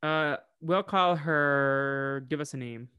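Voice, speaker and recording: A man's voice: on the high side, takes it slowly, clean tone, dry recording. Chatty man recapping a cartoon, dry mic. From United States. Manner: animated, acts out character lines. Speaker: podcast co-host. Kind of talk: casual episode recap.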